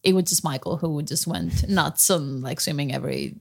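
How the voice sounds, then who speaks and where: A woman's voice: sits low, normal speed, creaky, slightly rough. A woman from Greece chatting casually as a podcast co-host. She talks in loose, rambling sentences, often restarting and filling with "like.". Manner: chatty, hesitant restarts, lots of "like". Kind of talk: casual chat.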